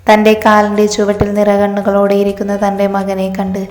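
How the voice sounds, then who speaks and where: Woman narrating a story in a flat, even voice. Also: mid-range voice, fairly quick. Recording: reverberant room with faint music.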